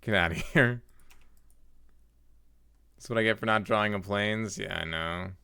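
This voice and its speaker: A man's voice: fairly low pitch, unhurried, vocal fry, sharp tone, smooth, dry recording, studio quality. A man livestreaming, chatting through a headset mic as he plays and reacts aloud to his game and his chat. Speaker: livestreamer and card game player. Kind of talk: live gameplay commentary.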